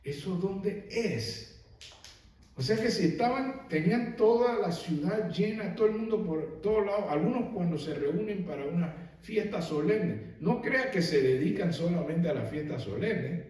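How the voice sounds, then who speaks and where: A man preaching a sermon as pastor, animated and asking the congregation rhetorical questions. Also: high-pitched, a little slow. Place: church sanctuary. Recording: very echoey hall, mic far off.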